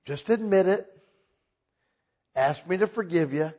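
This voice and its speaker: A man preaching a sermon in a church hall, animated and casual, mixing jokes into his message. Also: high voice, a little slow, dull audio. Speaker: pastor.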